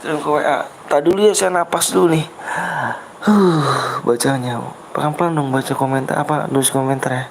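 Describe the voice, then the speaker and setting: A man's voice: fairly high pitch, fairly even intonation, normal speed, gravelly, a little hiss or hum, poor audio. A man hosting a game livestream, chatting casually with Jakarta slang, patiently reading comments and coaxing viewers over and over. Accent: Jakarta Betawi slang. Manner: patient, reads chat, repeats himself coaxingly.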